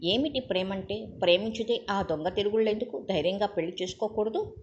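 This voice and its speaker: A woman's voice: fairly low pitch, expressive, normal speed, a little hiss or hum, natural voice. A woman voicing an indignant young male doctor who sternly questions others, on a muffled recording.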